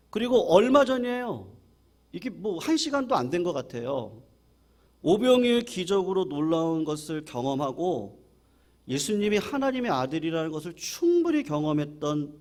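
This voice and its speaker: A male senior pastor giving a Sunday morning sermon at a church service, telling the story vividly and asking the congregation questions. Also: a little high. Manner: animated storytelling, acting out quoted voices.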